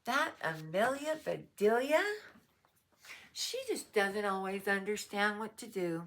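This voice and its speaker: A woman reading a children's picture book aloud, with chatty asides to her dog. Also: mid-range voice. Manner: slow, animated, chatty asides. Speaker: storybook reader.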